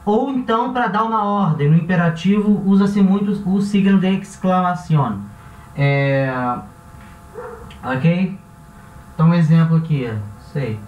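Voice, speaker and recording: A Brazilian man with a relaxed, chatty teaching manner who often corrects himself and checks in with his listeners. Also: high voice, a little slow, lo-fi sound. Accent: Brazilian Portuguese. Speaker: language teacher. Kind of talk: casual classroom explanation. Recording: echoey room, voice a bit far from the mic.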